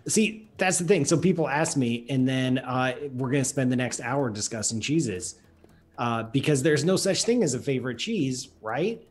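A man in his thirties chatting casually as a guest on a video call, with a deadpan, wry manner. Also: medium pitch, normal speed. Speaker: guest astrophysicist. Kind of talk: casual chat. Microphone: desktop microphone in front of him. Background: music.

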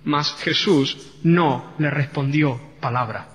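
A man's voice: fairly high pitch, takes it slowly, a bit bright. A man pastor from Spain with a Spain Spanish accent, preaching a passionate, dramatic sermon in a church. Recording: church hall reverb with faint hum.

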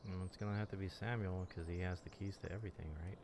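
A man doing casual gaming commentary in an extremely deep voice full of creak. He talks offhandedly, as if to himself, with clear game noise behind him. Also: steady tone, quick pace. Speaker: gaming video host. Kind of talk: casual let's play commentary.

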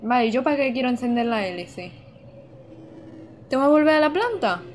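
A woman's voice: high voice, animated, brisk, a little mellow, a little hiss or hum. A woman, streaming a video game live, chatting casually, laughing often and reading chat aloud.

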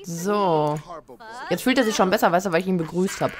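A woman's voice: lowish voice, brisk. Chatty woman narrating a game. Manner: chatty, reads game options aloud, teasing asides. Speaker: let's play host. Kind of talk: casual game commentary.

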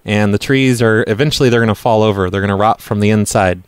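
This prank caller plays a careless lawn care worker, blundering and unapologetic, hesitant but blunt, with a nonchalant air in an improvised call. His lowish voice is fast and smooth, lightly acted, with no room sound.

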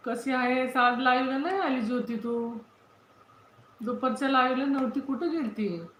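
A woman hosts a casual livestream, chatting, reading out viewer comments, greeting people by name and repeating her questions. Her high-pitched, slightly bright voice moves at a normal speed. The lo-fi phone audio is roomy and dull, with a little hiss or hum.

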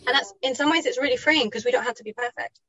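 A woman's voice: sits high, fast talker, pushed and bright, husky, no echo, lo-fi sound. A woman guest telling personal parenting stories in a chatty, reflective way, laughing often and correcting herself as she goes.

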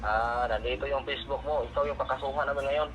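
A man's voice: mid-range voice, fairly even intonation, quick pace, loud music behind the voice. A man making a scam phone call, repeatedly accusing and insulting the listener. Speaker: scam caller. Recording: noisy phone line.

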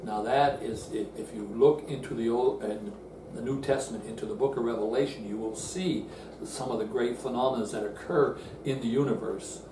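This is a Bible teacher, an older man giving a lesson from his seat in an indoor room facing a screen. He speaks at medium pitch with fairly even intonation and moderate pace, earnestly explaining and often restarting phrases through the verses, captured in distant, roomy, noisy audio.

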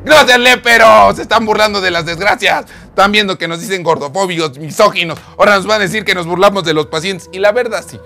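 Man, Mexican accent, high voice, mocking, laughing, slangy comedy reading. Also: fast talker, hardly any pauses, pushed and bright, soft background music. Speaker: host. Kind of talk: comedic reading of chat messages.

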